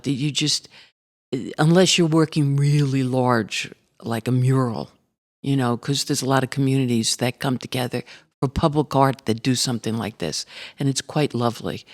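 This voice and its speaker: A woman's voice: rumbling low, steady tone, normal speed. A woman artist in a panel chat, speaking in an encouraging way about working together. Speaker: artist guest. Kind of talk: conversational panel talk.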